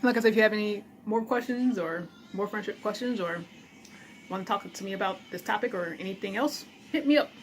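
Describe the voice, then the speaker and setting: A woman's voice: medium pitch, fairly quick, slight background noise, rough recording. Blunt woman vlogging while eating. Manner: blunt, encouraging, eats while talking. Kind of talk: casual talk to camera.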